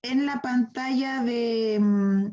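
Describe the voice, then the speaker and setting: A woman's voice: fairly high pitch, takes it slowly, dark tone, muffled recording. A woman moderating an online lecture, relaying audience questions to the speaker in a brief, practical way. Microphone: video call.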